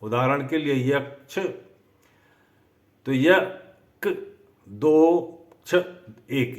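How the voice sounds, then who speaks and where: A man teaching poetic meter in a slow, methodical lesson, dictating word lists. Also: mid-range voice. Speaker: poetry teacher.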